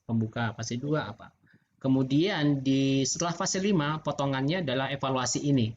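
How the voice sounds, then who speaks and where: A middle-aged man with an Indonesian accent, a lecturer giving chatty, relaxed feedback to students over a video call. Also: mid-range voice, normal speed. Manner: relaxed, chatty, laughs often. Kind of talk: online class feedback. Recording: muffled video-call audio with faint background noise.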